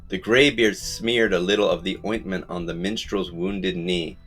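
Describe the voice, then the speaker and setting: A man narrating a folktale audiobook in a measured storytelling manner. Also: sits low, fairly even intonation, a bit bright, faint music behind. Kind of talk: scripted narration.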